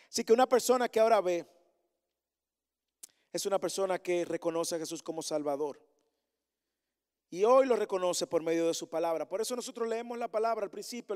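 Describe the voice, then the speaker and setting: A man preaching a sermon as pastor to his congregation, with insistent repeated refrains and questions, swinging between emphatic calls and soft, earnest asides. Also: high voice, clear, resonant tone. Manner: repetitive rhetorical refrains and direct questions to the congregation. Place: church meeting hall with a congregation. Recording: long hall reverb.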